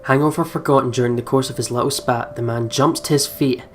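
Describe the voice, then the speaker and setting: A woman hosting a let's play voices the game's narration dramatically and expressively, breaking in with candid, profane reactions. Her voice is extremely low, with a quick pace and fairly even intonation. Game music plays behind her, and the background is noisy.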